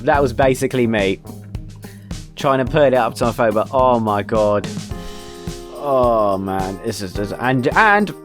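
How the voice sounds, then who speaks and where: A man reacting to his own old video, laughing at himself and exclaiming. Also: medium pitch. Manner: self-mocking, exclaiming. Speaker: channel host.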